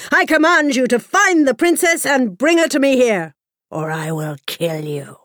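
A woman's voice: fairly high pitch, wildly swooping pitch, dry recording, clean studio sound, exaggerated voice. Woman playing a bossy storybook king. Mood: commanding. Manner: commanding, slow and emphatic. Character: proud demanding fairy-tale king.

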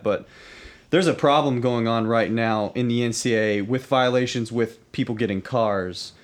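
A man co-hosting a talk show in casual chat, leaning on fillers as he makes his point. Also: on the low side. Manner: conversational, leans on fillers like "you know" and "like". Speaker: podcast co-host.

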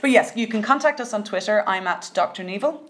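Giggly woman with lively pitch. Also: brisk. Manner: giggly, jokey, self-mocking. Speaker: podcast co-host. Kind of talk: casual chat.

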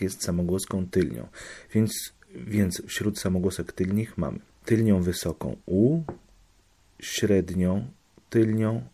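A man with a low, warm voice talks through a lecture topic in a measured, explanatory way. He pauses now and then to make sure his listeners are keeping up. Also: husky. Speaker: student presenting a lecture topic. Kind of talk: academic explanation.

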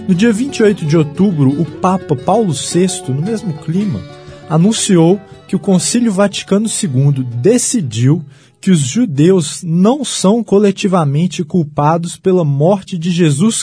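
High-pitched Brazilian man narrating over music. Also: dark tone. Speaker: narrator and host. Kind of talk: scripted history narration for a music show.

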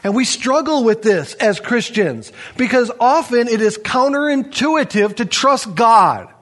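A pastor preaching a sermon, telling stories with big rises in pitch and dropping low and quiet to stress a point. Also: male voice, unhurried. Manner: animated storytelling with big pitch swings; drops to low, quiet emphasis.

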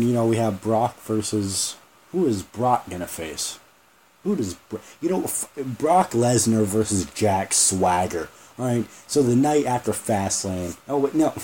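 A man's voice: medium pitch, dark tone, slight background noise, rough recording. A man hosting a solo podcast, rambling and joking with lots of swearing. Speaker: podcast host. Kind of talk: casual solo podcast rant.

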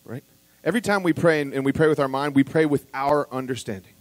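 A pastor delivers his sermon in an earnest, conversational way, building to emphatic peaks before falling quiet, restarting lines and tossing asides to the congregation. His voice is mid-range and quick. The recording is dry and low in quality.

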